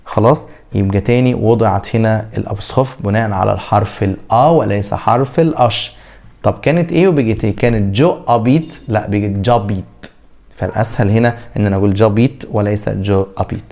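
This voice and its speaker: A man with an Egyptian Arabic accent teaching a French pronunciation lesson, drawing out example words slowly and answering his own questions. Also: lowish voice, gravelly, darkish tone. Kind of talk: classroom lesson.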